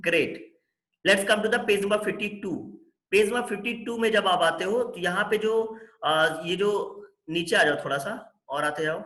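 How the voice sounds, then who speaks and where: A male teacher with an Indian accent talks students through a syllabus, repeating his instructions again and again. His voice is bright and somewhat high. The room around him is echoey. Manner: instructive, repetitive directions, mixes Hindi with English terms. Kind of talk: online syllabus walkthrough lesson.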